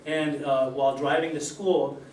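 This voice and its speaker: A middle-aged man born in Germany and raised in Utah, giving an earnest personal recovery testimony with many fillers and pauses. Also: fairly high pitch, little pitch movement, heavy background noise. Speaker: recovery speaker. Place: event hall. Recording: echoey hall, distant mic.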